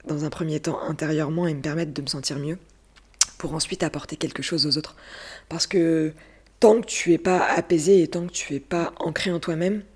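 A woman guest speaking reflectively in an interview, pausing often and searching for her words. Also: low-pitched, darkish tone, slightly rough. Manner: hesitant, searching for words with many pauses.

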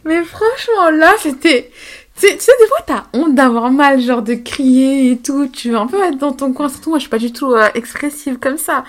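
A young woman, a podcast guest, telling her story in a casual, candid, animated way, with slang and frequent laughter. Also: high voice, moderate pace. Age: young adult.

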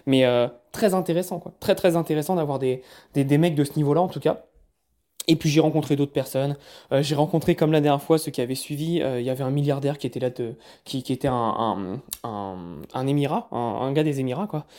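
Casual French vlogger, dark mellow voice, rambling with frequent restarts. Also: male voice, mid-range voice, a little fast. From France. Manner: chatty, stumbles and repeats words. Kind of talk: casual recap vlog.

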